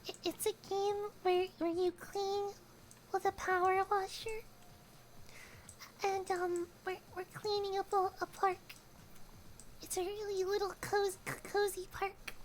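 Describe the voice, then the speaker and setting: An extremely high, cute anime girl streamer voice. She is shy and bashfully apologetic, with a sweet cutesy manner. She chats casually as she plays a game on a livestream. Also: little pitch movement, measured pace, slight background noise. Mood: bashful, rambling. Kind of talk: casual livestream chat while gaming.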